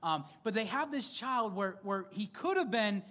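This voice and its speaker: A man's voice: sits high, expressive, moderate pace, sharp tone. A young man, a pastor, preaches a sermon in a loose, conversational way, joking and asking his listeners questions. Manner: conversational storytelling with humor, asks the audience questions. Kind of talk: sermon to a congregation.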